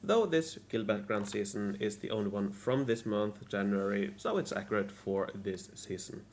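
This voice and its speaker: A man's voice: lowish voice, moderate pace, a little hiss or hum. A man narrating a scripted recap of his strategy game week, restarting and repeating his lines. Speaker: gaming video creator.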